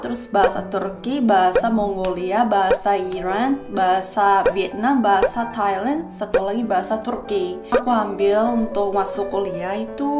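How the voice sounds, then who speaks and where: A young woman from South Korea, a native Korean speaker with a Korean accent, hosting a casual explainer vlog and answering questions. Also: medium pitch. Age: young adult. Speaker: video host. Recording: roomy echo, music behind.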